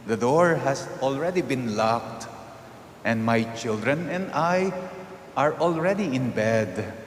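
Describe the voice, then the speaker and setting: A priest proclaims the Gospel in a slow, solemn, measured voice of ordinary pitch. His words ring out through a big cathedral echo with a long lingering reverb. A faint hiss sits underneath. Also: expressive. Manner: measured, solemn liturgical reading. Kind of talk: proclaiming a Gospel reading at Mass. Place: large church during Mass.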